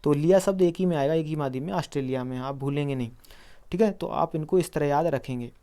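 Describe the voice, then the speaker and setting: A man with a fairly high, smooth, mellow voice talks quickly as he teaches an exam-prep video lesson. He explains memory tricks, calls his viewers friends, and poses quiz questions that he then answers himself.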